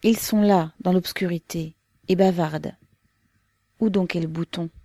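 Casting: trembling, grief-struck woman, read by a woman, quiet and slow. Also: lowish voice, steady tone, no room sound. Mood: alarmed. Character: grieving woman, tense and trembling.

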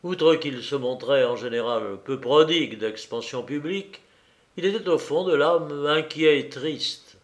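A man narrating a classic novel in a measured, unhurried reading. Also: fairly high pitch. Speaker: audiobook narrator.

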